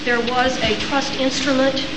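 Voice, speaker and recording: Echoey, high-voiced woman lawyer in formal argument. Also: flat delivery. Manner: measured, deferential, legalistic phrasing. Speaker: lawyer arguing before a court. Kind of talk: formal oral argument, answering judges. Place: large hall at a public court session. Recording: echoey room, loud background rumble.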